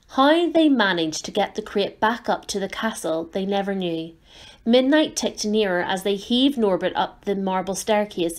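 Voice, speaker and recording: Woman storyteller, children's novel read aloud, clear, steady, expressive, middle pitch.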